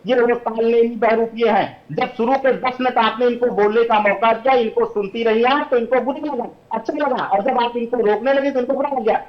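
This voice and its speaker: A man's voice: very high-pitched, steady tone, a little fast, few pauses, dull audio. A man, a religious teacher joining a TV debate, speaking in a fiery, preachy way and citing scripture. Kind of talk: heated TV debate.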